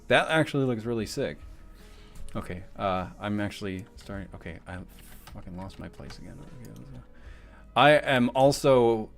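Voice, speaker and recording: Young male streamer, casual and profane, slow unhurried delivery. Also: fairly low pitch. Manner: rambling, casual, swears often. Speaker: livestreamer and animator. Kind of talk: casual livestream commentary.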